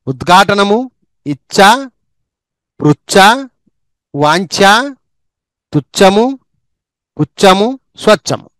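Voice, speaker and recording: A man teaching reading who says each word slowly two or three times and adds quick asides on how to practise. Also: sits high, fairly bright tone, no echo. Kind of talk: slow spelling and pronunciation drill.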